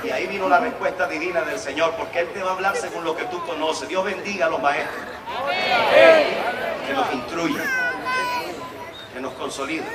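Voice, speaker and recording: High-pitched Venezuelan preacher in an echoing hall. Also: male voice, fairly even intonation, normal speed, long pauses, recorded from a distance, over a noisy crowd, very noisy. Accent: Venezuelan Spanish. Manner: swings from quiet storytelling to shouted proclamations. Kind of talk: sermon.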